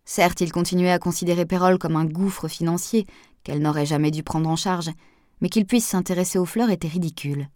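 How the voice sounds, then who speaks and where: Woman narrating an audiobook, measured. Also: lowish voice, a little mellow, no echo, clean studio sound. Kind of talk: scripted narration.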